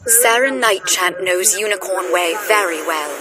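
A woman playing a gentle, earnest fairy guardian in scripted fantasy game dialogue, speaking formally and with measured care. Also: lowish voice, crowd noise, natural voice. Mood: grateful, grave. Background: game music.

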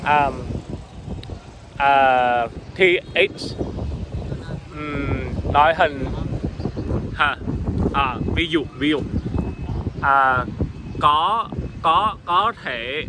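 Between apartment buildings on a windy street, a native English-speaking vlogger in his twenties practices Vietnamese, broken and foreign-accented. He uses his phone at arm's length, with clear background noise audible. His slightly high voice moves very slowly with long pauses, and he repeats words while searching for them.

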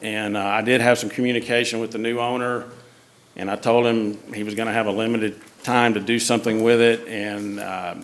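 Lower-voiced man reporting with fillers. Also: little pitch movement, brisk. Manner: plain, hesitant with many fillers. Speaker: city code official. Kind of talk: reporting to a council. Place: council chamber.

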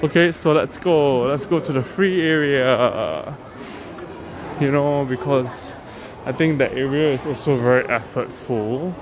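A man's voice: medium pitch, background noise. A man hosting a casual walking tour vlog, chatting as he walks and films on a phone. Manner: slow, chatty, upbeat guide. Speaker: vlog host. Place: large indoor and outdoor garden complex at night. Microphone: handheld phone camera while walking. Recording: background music mixed in.

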